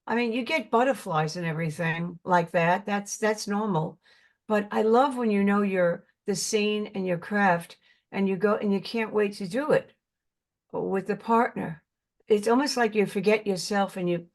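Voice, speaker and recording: This older Brooklyn-born actress, chatting casually as an interview guest, has a medium-pitched New York voice and a plain conversational tone. She comes across earnest and halting, repeating words and starting over while she gropes for what she means.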